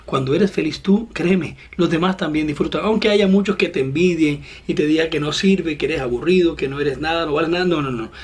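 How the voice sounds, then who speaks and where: A man giving an online guitar lesson, patient and encouraging, explaining each step slowly and talking straight to the student. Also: fairly high pitch, husky. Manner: slow, step-by-step instruction. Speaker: guitar teacher. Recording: loud guitar playing behind the voice.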